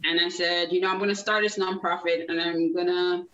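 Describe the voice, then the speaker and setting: Jamaica-born woman in her 30s, rambly and chatty, lowish voice, far off and echoey. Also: level tone, a little fast, bright, forceful tone, slight background noise. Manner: chatty, many fillers and restarts, laughs easily. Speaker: guest, nonprofit founder. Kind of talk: casual interview storytelling. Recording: distant, dull, roomy sound.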